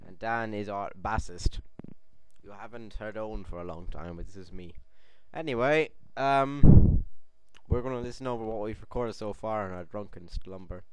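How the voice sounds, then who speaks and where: A man's voice: on the low side, moderate pace, a little mellow, smooth. A tipsy young man hosting a homemade web show, rambling with mock-pompous speeches.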